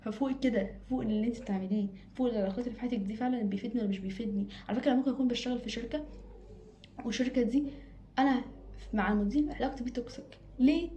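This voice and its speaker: Rapid-fire Egyptian woman giving advice. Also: fairly high pitch, mellow, highs cut off, slight background noise. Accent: Egyptian Arabic. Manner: emphatic, repeats phrases for stress. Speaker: advice vlogger. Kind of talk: casual advice monologue to camera. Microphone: self-filmed camera.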